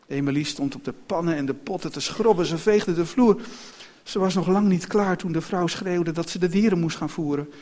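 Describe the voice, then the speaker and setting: Male storyteller, slightly high voice, expressive read-aloud of a children's tale. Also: normal speed.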